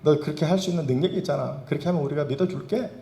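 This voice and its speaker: A man's voice: on the high side, rapid-fire, creaky, warm tone, reverberant, pitched above the performer's own voice. A pastor putting on a jeering man taunting from below. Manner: taunting, scornful.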